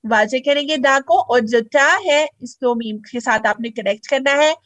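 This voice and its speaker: Female recitation tutor, higher voice, dry close sound, patient and methodical. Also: normal speed, a bit bright, dry recording. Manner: patient, drawing out syllables to demonstrate. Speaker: Quran recitation teacher. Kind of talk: step-by-step recitation lesson.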